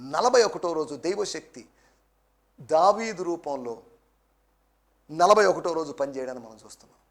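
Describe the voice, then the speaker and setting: A male pastor preaching a sermon emphatically, repeating key lines slowly in English. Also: on the high side, lively intonation.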